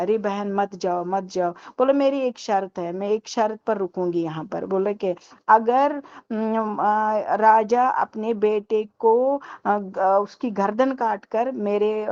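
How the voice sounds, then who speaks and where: A woman retelling a scripture story in a halting, casual way, with many restarts and voiced dialogue. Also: fairly high pitch, a little mellow. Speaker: devotee telling a scripture story. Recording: dull lo-fi audio.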